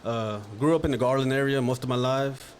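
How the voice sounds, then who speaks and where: A man from Dallas in his thirties co-hosting a casual sports podcast, joking and animated. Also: mid-range voice, fairly quick, a little hiss or hum. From Dallas, Texas. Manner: joking, animated, laughs easily. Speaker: podcast co-host.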